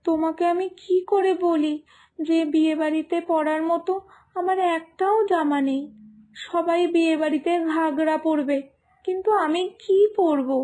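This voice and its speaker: With an extremely high pitch, a woman plays the devoted, self-sacrificing daughter of a village in an animated moral story. Her delivery is earnest, emotional and pleading, and the mood comes across as hesitant and sad.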